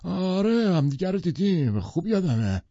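A man doing a husky, aloof rich man. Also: high-pitched, sing-song, mellow, no echo, voice pushed up, full character voice. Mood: dismissive. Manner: polite but dismissive. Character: aloof, condescending wealthy man, middle-aged. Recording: dull, distant lo-fi audiobook recording.

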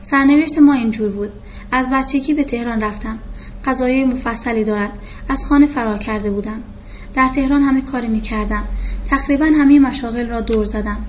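A woman's voice: fairly high pitch, muffled recording, slight background noise, natural voice. A woman reading the lines of a polite, slyly playful male doctor in his thirties, speaking formally. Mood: courteous.

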